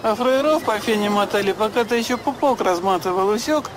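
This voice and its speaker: A woman's voice: medium pitch, brisk, close to an everyday voice. An older woman playing a hard, fearless ex-convict in a film, speaking tough Russian prison slang. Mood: contemptuous, threatening. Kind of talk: film acting, streetwise confrontation. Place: outdoors by the sea. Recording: noisy outdoor seafront film sound.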